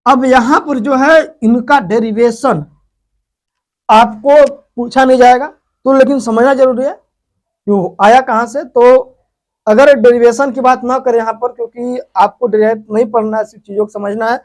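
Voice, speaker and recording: A man's voice: very high-pitched, fairly even intonation, normal speed. A man teaching a physics lesson, who keeps asking questions and answering them himself as he explains step by step. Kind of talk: whiteboard lesson.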